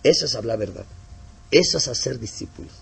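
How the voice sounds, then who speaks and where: Animated male preacher. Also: a little fast, vocal fry, slightly rough. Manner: preaching with sharp swings in pitch and loudness; acts out both sides of dialogues, softening for asides. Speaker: pastor. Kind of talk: sermon.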